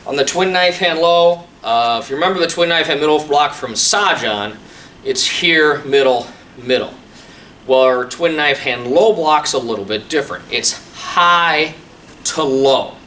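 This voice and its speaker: A man's voice: on the high side, a little slow, pushed and bright. A man explaining techniques informally as a taekwondo instructor in a tutorial. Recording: distant mic, faint room noise.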